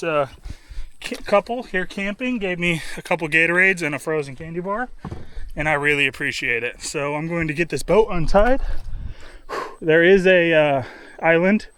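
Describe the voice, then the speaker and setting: A fairly high-voiced young man narrates his river journey outdoors, cheerful and easygoing. He stumbles over words and leans on fillers as he goes. The talk stays loose, like an unscripted travel vlog. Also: a bit bright, smooth. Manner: easygoing and upbeat, with many fillers and restarts. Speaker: solo river traveler vlogging his trip.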